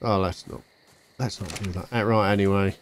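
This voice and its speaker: A man's voice: low-pitched, steady tone, normal speed, slight background noise. A man chatting casually to viewers while playing on a live stream from his home setup. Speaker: game streamer. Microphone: desk mic through a mixer.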